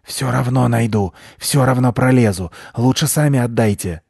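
A man's voice: mid-range voice, normal speed, creaky, darkish tone, slightly rough, no echo, studio quality, pitched above the performer's own voice. A man voicing a greedy, hysterical female squirrel who shrieks and rants in a storybook reading. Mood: stubborn. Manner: shrieking, frantic, paranoid.

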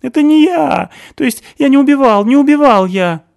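Man doing a shrill panicky coward. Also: moderate pace, a little mellow, natural voice. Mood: panicked. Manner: hysterical, high-pitched and stammering. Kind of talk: audiobook reading.

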